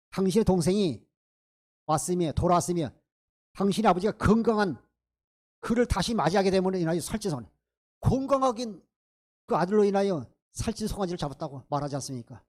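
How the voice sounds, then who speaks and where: A man preaching a sermon in a high-pitched voice. He is emphatic and often turns to the congregation with rhetorical questions. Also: a little mellow. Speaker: pastor.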